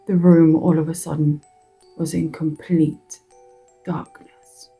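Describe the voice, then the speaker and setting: A woman narrating a horror story in a slow, deliberate reading that draws out its words. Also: sits low, level tone, warm tone, breathy edge, soft background music, poor audio.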